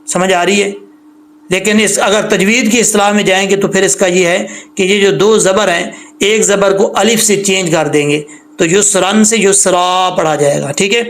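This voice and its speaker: A man teaching Quran recitation, spelling out letters and vowel marks and stretching each sound out slowly between plain explanations. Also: high-pitched, fairly bright tone. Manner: slow, drawn-out letter-by-letter recitation alternating with quicker explanation. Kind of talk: tajweed lesson, explaining and demonstrating recitation.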